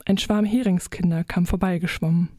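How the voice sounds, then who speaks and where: Mellow-voiced woman reading a children's story. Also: fairly low pitch, fairly quick, no room sound, clean studio sound. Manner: gentle, expressive storytelling in first person as a fish. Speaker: narrator. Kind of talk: audiobook narration of a children's story.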